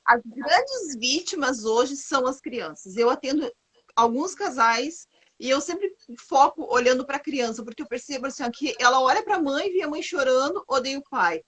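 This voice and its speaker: A woman's voice: high-pitched, expressive, moderate pace, fairly bright tone. A woman co-hosting a live stream, asking long, searching questions. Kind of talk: casual live-stream interview.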